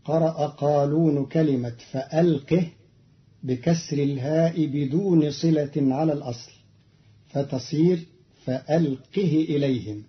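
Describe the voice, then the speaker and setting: A man from Egypt giving a formal, deliberate explanation of Quranic reading variants, slowing into a chant for each quoted verse. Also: fairly high pitch. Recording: dull old radio broadcast recording.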